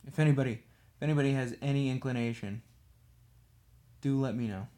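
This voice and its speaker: His voice is medium in pitch, brisk and dark in tone as he livestreams himself painting miniatures. He chats casually, rambles, and puts himself down, talking absent-mindedly while handling the brush.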